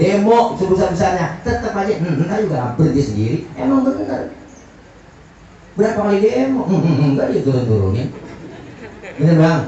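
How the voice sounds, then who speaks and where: Brief: male preacher, comic sermon, slightly high voice, heard from afar in a muffled, echoey setting. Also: dark tone, a little hiss or hum. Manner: joking, teasing the crowd with quick asides. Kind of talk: humorous sermon. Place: outdoor community gathering. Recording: distant, echoey, muffled crowd recording.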